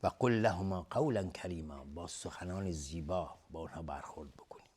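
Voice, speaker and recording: A man with a Persian accent teaching Quran recitation rules. He chants verses slowly and loudly, then explains each rule in quick, plain speech. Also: deep voice, slightly rough.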